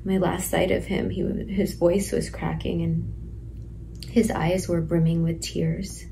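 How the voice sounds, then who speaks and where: A woman's voice: lowish voice, level tone, vocal fry, a little hiss or hum, poor audio. A woman playing a tender pregnant teen girl. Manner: soft, slow, some lines whispered. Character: pregnant sixteen-year-old girl in detention, tender. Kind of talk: stage monologue, letter to her unborn baby.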